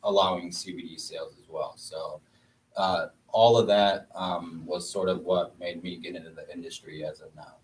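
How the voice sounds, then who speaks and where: A man in his thirties from Bosnia, a guest entrepreneur speaking in a measured way with many pauses. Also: low-pitched, fairly even intonation. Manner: measured, lots of "uh" fillers. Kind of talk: casual interview chat. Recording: distant mic with faint noise.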